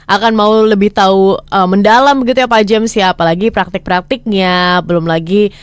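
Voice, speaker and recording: Radio host, smooth voice, quick with fillers, dry close sound. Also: medium pitch, steady tone, dry recording. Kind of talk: radio talk show hosting.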